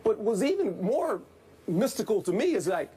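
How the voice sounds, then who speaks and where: A man, a former football coach, analyzing a game in a sports debate, folksy and animated, repeating himself. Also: high-pitched, moderate pace, breathy edge.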